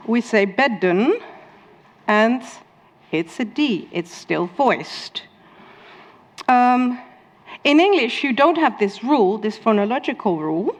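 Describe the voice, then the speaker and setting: Woman, Dutch native, conference lecturer, unhurried delivery with frequent ums, long reverb from the hall. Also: a little high. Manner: many ums, laughs at own asides. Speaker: speaker at a conference talk. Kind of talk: lecture on linguistics.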